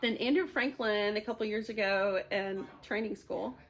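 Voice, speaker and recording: A woman's voice: medium pitch, moderate pace. A woman in her fifties sharing a personal testimony, speaking candidly and with emotion, often laughing through hard memories.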